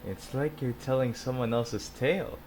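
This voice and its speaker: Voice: medium pitch, fairly even intonation, moderate pace, darkish tone, a little hiss or hum, poor audio. A streamer giving casual commentary while reacting to a video game.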